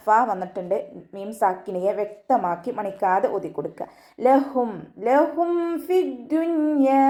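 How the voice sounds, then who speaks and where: A woman leads an online tajweed lesson in a warm, mellow voice. She explains each rule patiently and step by step, often closing with a soft tag word, then chants the verse words slowly and high. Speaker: Quran recitation teacher.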